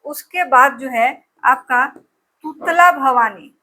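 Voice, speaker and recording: A woman's voice: sits high, takes it slowly, sharp tone. A woman teacher giving an exam-prep lesson, drilling place names with memory tricks and repeating each answer over and over.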